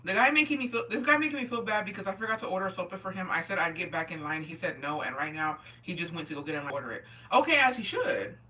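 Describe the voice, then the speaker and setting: Animated and fast, with few pauses, this twentysomething woman's low-leaning, pushed, bright voice carries through a casual livestream where she reads and answers comments. She's tipsy, slangy, swears, and drops in Spanish words. The mic sits far from her.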